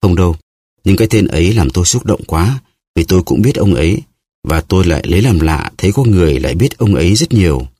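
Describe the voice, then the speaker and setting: A man's voice: low-pitched, lively intonation, fast talker, mellow, breathy edge, no room sound. A man reading a scheming deceitful noblewoman. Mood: feigned. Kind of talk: audiobook character reading.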